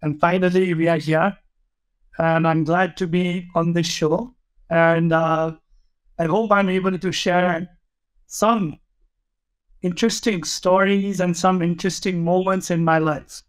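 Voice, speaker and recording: A man from Nepal, a podcast guest speaking politely and in a measured way. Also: sits high, steady tone, clean tone. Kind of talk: interview podcast.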